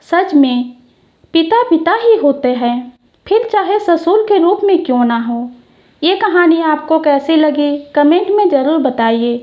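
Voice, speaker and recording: A woman narrating a short story in a calm, measured way. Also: sits high, lo-fi sound.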